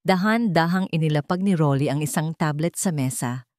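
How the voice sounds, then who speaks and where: A woman with a Filipino accent narrates a scripted dramatic story in audiobook style. Her voice is low and a little mellow, her pace moderate, and the studio recording is clean with no room sound.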